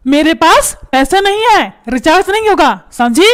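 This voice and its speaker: A woman's voice: very high voice, very animated, normal speed. A woman voicing a stingy, short-tempered middle-aged husband in a comic cartoon, scolding and sarcastic.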